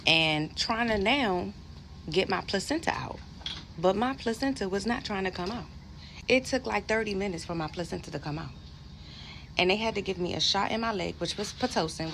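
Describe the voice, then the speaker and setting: A woman's voice: fairly low pitch, gravelly, background noise. A woman in her twenties, a vlogger, candidly telling viewers a personal story in casual talk and swearing freely.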